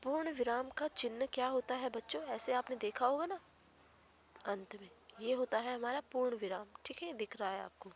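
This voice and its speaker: A woman's voice: on the high side, moderate pace, slight background noise. A woman teacher giving a grammar lesson to young children, explaining patiently and repeating key points. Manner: patient, repetitive explaining with frequent "ठीक है".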